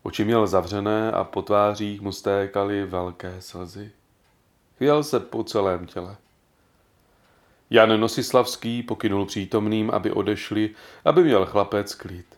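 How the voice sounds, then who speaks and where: Calm low-voiced male storyteller. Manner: calm, measured reading. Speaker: narrator. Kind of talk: audiobook narration.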